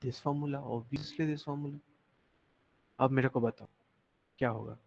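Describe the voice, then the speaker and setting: A young male chemistry teacher talks through an online lesson at an unhurried pace and checks in with his students often. His voice has a gravelly, fried edge. The audio is dull and lo-fi, with faint noise underneath. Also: mid-range voice, steady tone, a little mellow. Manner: slow, repetitive explaining, mixing Hindi and English, asking students questions. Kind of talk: online class lecture.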